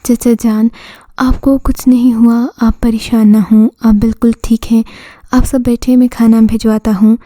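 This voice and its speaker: A woman's voice: a little high, little pitch movement, moderate pace, warm tone, no room sound, clean studio sound, lightly acted. A woman voicing a polite young man who reassures his uncle in a storybook tale. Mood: reassuring.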